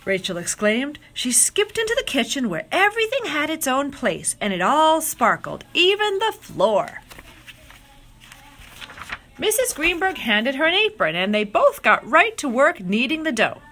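A woman with a bright, high voice gives an animated read-aloud of a children's picture book. Her pitch swings widely, and she draws out phrases for dramatic effect.

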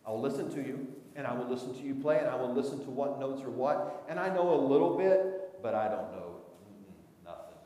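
A man's voice: medium pitch, lively intonation, fairly quick, few pauses, dark tone. A middle-aged man preaching a sermon in a church sanctuary, conversational and asking the congregation questions. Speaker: pastor. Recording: echoey church room.

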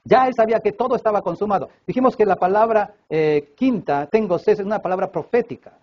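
A man preaching a sermon at a church service, swinging between loud emphatic cries and hushed low passages. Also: fast, muffled recording. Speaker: pastor.

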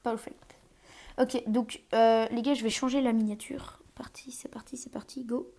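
Hesitant streamer woman, mellow voice. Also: fairly high pitch, steady tone, normal speed, gravelly, slight background noise. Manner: hesitant, many fillers, drops to whispers at times. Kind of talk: live gameplay commentary. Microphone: earphone mic.

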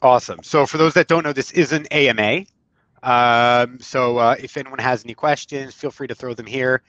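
A man's voice: mid-range voice, steady tone, normal speed, a bit bright, dry recording. Upbeat male live-show host, dull dry sound. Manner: upbeat, loose, with fillers. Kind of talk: casual live interview.

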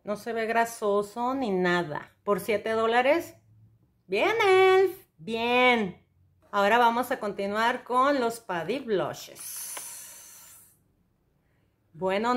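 A young woman, chatting enthusiastically to the viewer while reviewing makeup. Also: a little high. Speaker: beauty vlogger.

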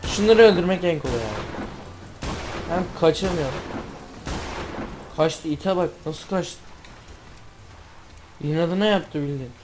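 A man from Turkey narrates his gameplay in a slightly high voice. He turns excitable and shouts in surprise. Loud gunfire and artillery from the game play behind him. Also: unhurried, long pauses, noisy background. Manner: excitable, swears and yells in surprise. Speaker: gamer. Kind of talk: gameplay commentary.

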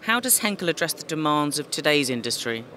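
Trade show interviewer; bright tone, brief prepared questions, faint crowd hum behind. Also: medium pitch, very animated, a little fast. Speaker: interviewer for an expo TV channel. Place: busy exhibition hall.

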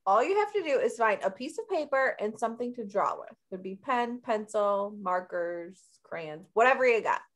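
A woman teacher explaining a classroom lesson step by step in a slow, friendly way. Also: medium pitch, animated.

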